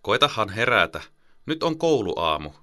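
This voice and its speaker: A man's voice: lowish voice, very animated, bright, forceful tone, voice pushed up. A man voicing a mother in an audiobook, coaxing and firm with her children. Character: patient but firm mother. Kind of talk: audiobook character voice.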